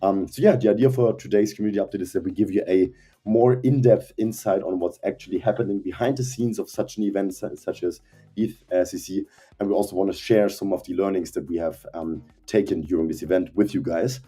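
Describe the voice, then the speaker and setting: A man's voice: low voice, fairly even intonation, fairly quick, dark tone, husky, faint music behind. A man presenting a community update as CTO, talking enthusiastically about a conference. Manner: enthusiastic, keeps saying super.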